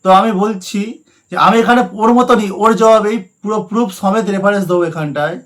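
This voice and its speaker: A man's voice: high voice, fast, a bit bright. A man making a rebuttal video, speaking straight to his viewers and counting things out for them. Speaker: religious video creator.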